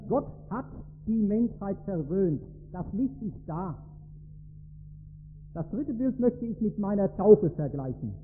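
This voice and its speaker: A man's voice: sits high, a little hiss or hum. A man preaching a sermon, telling stories with emphasis and rising to stress key words. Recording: tinny phone-like sound in a reverberant hall.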